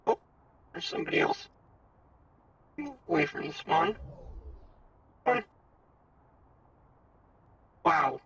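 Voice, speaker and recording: A man's voice: fairly high pitch, wildly swooping pitch, takes it slowly, pauses often, a bit bright, breathy edge, dry recording, recorded from a distance, dull audio, pitched above the performer's own voice, full character voice. A man live-streaming in VR, talking through a synth robot voice changer, chatting casually with viewers while juggling his setup.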